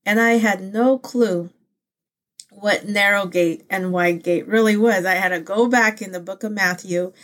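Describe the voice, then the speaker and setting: Her voice is mid-range and a bit bright, steady in tone and unhurried. A Philippine-born woman who first spoke Pangasinan and Ilocano, she hosts a casual personal faith vlog, rambling earnestly and from the heart, with many fillers and restarts.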